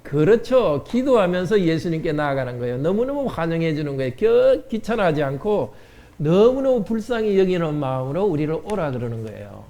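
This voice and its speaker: A man's voice: fairly high pitch, sing-song, a little fast, warm tone. A man pastor giving a children's sermon in church, asking the children questions and answering them. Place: church sanctuary.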